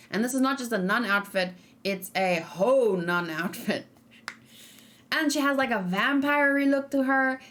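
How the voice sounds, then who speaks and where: While streaming her reaction to a game character, the young woman reads comments from viewers aloud and rambles with many filler words. Her voice is a little high with a fairly bright tone.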